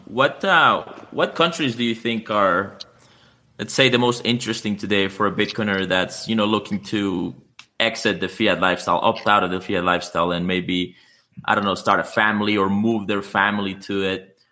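Male podcast host, low voice, sharp bright tone, halting questions. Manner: halting, many fillers and restarts. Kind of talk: conversational podcast interview.

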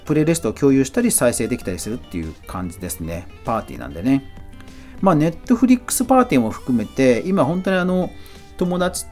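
Over guitar music playing in the background, a man with a slightly high, mellow voice hosts a solo news roundup podcast. A podcaster and YouTuber, he chats conversationally and reacts out loud to every item.

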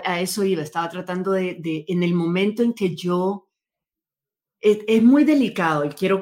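A woman with a mid-range, slightly mellow voice is a guest in a conversational interview. She speaks earnestly and thoughtfully, often correcting herself mid-sentence.

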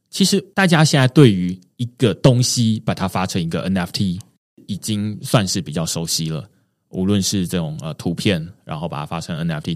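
A man, hosting a podcast and explaining his points in a measured, conversational way. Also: sits low. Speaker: podcast host. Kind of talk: casual podcast discussion.

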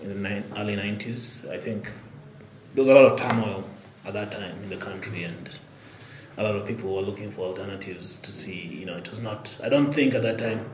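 A man with a Kenyan accent telling his story casually as a podcast guest, in a halting way with many filler phrases. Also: on the low side. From Nairobi, Kenya. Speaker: podcast guest, product executive. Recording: roomy echo, faint background noise.

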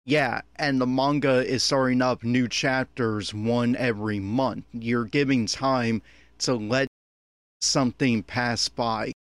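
Slow and steady in tone, a man with a mid-range voice offers unscripted remarks on an anime episode, recorded without room sound. He's critical, exasperated and quick to share opinions.

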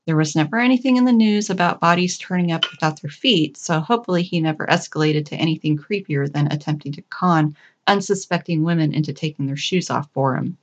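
A woman's voice: sits low, fairly quick, lo-fi sound. A middle-aged woman telling a personal story in a wry, dry way.

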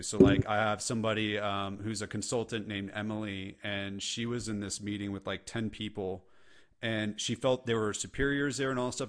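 Middle-aged guy on a podcast, kinda low voice, earnest and emphatic, says man a lot. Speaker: guest, leadership coach. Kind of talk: podcast interview conversation.

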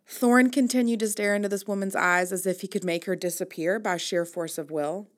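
A woman's voice: medium pitch, fairly quick. A woman reading her own humorous personal story aloud with a wry, mock-dramatic delivery. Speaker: newsletter writer reading her own piece.

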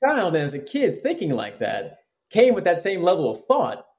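A man in a conversational podcast interview, his slightly high voice rising and falling with lively energy. He talks earnestly, restarting phrases as he works through his thoughts. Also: moderate pace. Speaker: psychologist guest.

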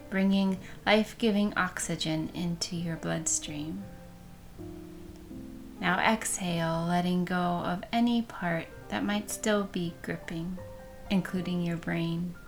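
A woman leading a guided meditation in a soft, soothing manner, with breath showing at the ends of phrases. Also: fairly low pitch, steady tone, takes it slowly, soft background music.

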